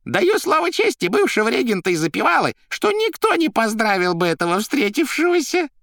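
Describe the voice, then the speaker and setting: A man voicing a fawning male demon retainer in an audiobook, with a rattling, piping falsetto and an effusive, theatrical manner. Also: big pitch swings, a little fast, fairly bright tone, no echo, clean studio sound, heavily acted. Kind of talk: audiobook character voice.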